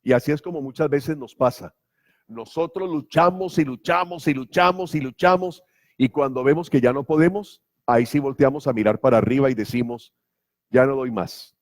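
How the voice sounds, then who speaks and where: A man's voice: mid-range voice, a little fast. A man preaching a sermon as pastor, emphatic and full of rhetorical questions. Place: church.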